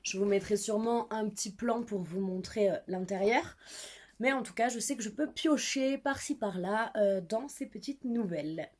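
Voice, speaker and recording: A woman's voice: mid-range voice, moderate pace. A young woman chatting casually about her reading pile, giggly and self-mocking as a book vlogger. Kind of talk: casual book haul chat.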